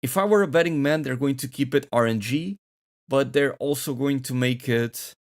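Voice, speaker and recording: A man's voice: mid-range voice, moderate pace. A man hosting a gaming channel, thinking aloud and rambling through casual reaction commentary.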